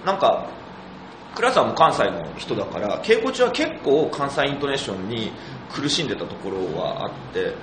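A man from Tokyo hosting a casual talk, chatting in an animated way and laughing often. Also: medium pitch, moderate pace, reverberant, background noise. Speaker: host. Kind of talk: casual chat.

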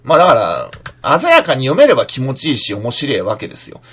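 A man who grew up in Fukushima talks through listener letters on his podcast in an easy, chatty way. His voice is husky, and his pitch swings up and down a lot. Now and then he slips into a thick Fukushima dialect to show how a line should sound. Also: fast talker. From Fukushima, Japan. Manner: animated, slips into Fukushima dialect when demonstrating lines. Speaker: podcast host, playwright. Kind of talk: casual podcast talk answering listener mail.

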